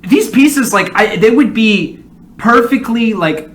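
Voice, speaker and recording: A man's voice: high voice, animated, slow. A man giving casual, rambling, profanity-laced reaction commentary with strong opinions and an easy tendency to laugh. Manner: often breaks into laughter. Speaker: reaction video host.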